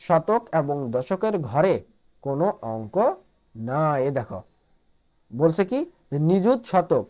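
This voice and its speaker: Her voice sits low and mellow as she leads a math lesson at the board. The speaker is a Bangladeshi woman tutoring math, who explains each step, says things more than once, and keeps confirming the students understand.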